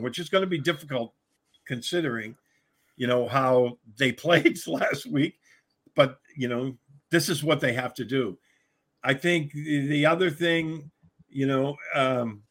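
A man's voice: medium pitch, fairly bright tone. A man giving football analysis on a casual sports show, rambling and filling with "you know".

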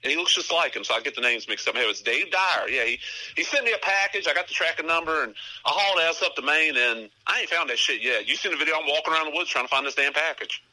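Bright fast-talking joking co-host. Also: male voice, a little high, animated, low-quality recording. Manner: blunt, profane, joking. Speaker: podcast co-host. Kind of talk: casual podcast chat.

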